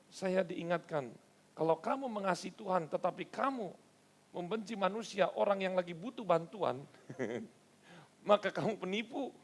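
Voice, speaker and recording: Male preacher, lively sermon delivery with rhetorical questions; gravelly tone. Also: high voice. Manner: animated storytelling with acted quotes and rhetorical questions. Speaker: pastor.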